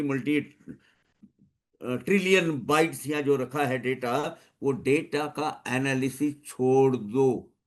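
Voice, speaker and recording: A man giving a spiritual discourse at a devotional gathering, speaking emphatically, repeating phrases for stress and dropping English phrases into his talk. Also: mid-range voice. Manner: mixes English phrases into Hindi. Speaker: satsang speaker.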